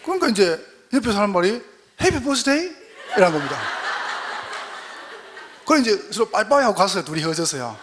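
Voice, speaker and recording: A man's voice: high-pitched, very animated, a little fast, pauses often, a bit bright, a little hiss or hum. A man with a Gyeongsang accent, a pastor giving a folksy, joking lecture at a training session. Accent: Gyeongsang dialect.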